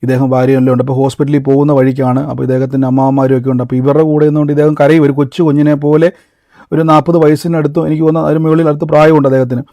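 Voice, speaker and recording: Male preacher, warm dark voice, dry close sound, chatty storytelling sermon. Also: a little high, level tone, rapid-fire, no room sound. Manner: storytelling, addresses listeners as brother and beloved, mixes in English words. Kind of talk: conversational sermon with personal testimony.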